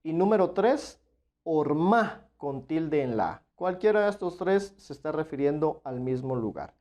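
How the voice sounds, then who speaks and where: Earnest preacher man with a mellow voice. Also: fairly high pitch, lively intonation, moderate pace, highs cut off. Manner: earnest, addresses listeners as dear brothers; emphatic, repeats "claro de que sí". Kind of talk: Bible study sermon.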